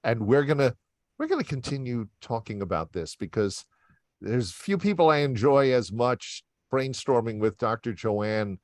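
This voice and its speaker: A man hosting an interview as a doctor, talking in an enthusiastic, animated way. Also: mid-range voice, moderate pace, no room sound. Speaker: host, doctor. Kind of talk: conversational interview.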